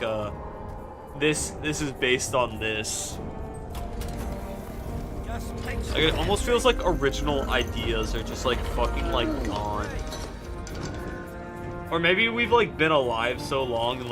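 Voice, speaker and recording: A young man streaming live, talking casually and ranting with lots of swearing and "like" fillers. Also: medium pitch.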